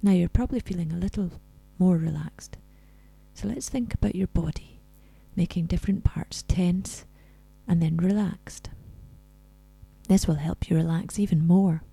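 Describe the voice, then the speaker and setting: A woman leading a scripted guided relaxation in a soft, soothing, breathy spa-like voice that comes close to a whisper. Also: on the low side, no echo.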